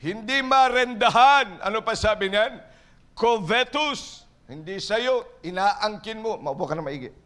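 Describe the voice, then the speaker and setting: High-voiced pastor preaching a sermon. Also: male voice, lively intonation, normal speed, few pauses, a bit bright. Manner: mixes preaching with playful asides to the congregation. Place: church.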